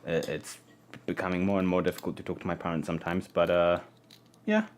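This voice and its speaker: A Polish-born man raised mostly in England hosts a casual electronics stream, taking apart a camera at the bench. His low-ish, level voice is halting, restarting often and muttering as he tinkers, over a little hiss or hum.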